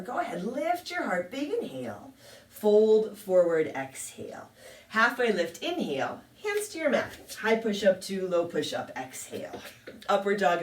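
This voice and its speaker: A woman teaching a yoga class, calmly calling out poses and breaths with a touch of self-deprecating humor. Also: fairly low pitch. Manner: calm cueing with light self-deprecating humor. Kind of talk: guided yoga class instruction. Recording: echoey room, mic at a distance.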